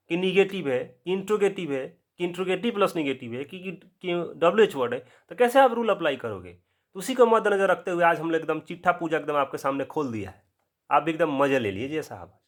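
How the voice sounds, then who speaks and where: A man with a Bihari accent giving an English grammar lesson in casual classroom style. He asks the viewer a question, answers it himself, and slows down to spell things out. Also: on the high side. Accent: Bihari Hindi. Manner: drawn-out, spelled-out explanations. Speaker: English teacher.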